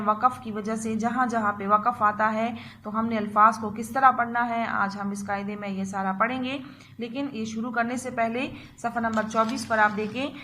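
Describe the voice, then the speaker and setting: A woman teacher giving a recorded lesson to young children. She spells out letters slowly and loudly, drawing out each syllable, and often checks in with a soft "theek hai". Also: a little high, slight background noise.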